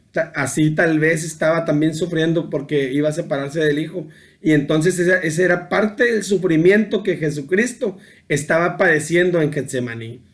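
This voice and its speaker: A man's voice: fairly high pitch, fairly bright tone. A middle-aged man giving an informal sermon on a Bible passage. He keeps tagging his sentences with a question to the listener and often hesitates and restarts. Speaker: preacher.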